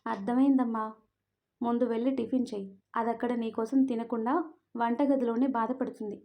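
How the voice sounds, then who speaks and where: A young husband talks in a teasing, mildly exasperated way, voiced by a woman narrator. The tone is mellow and slightly high. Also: steady tone, brisk, natural voice.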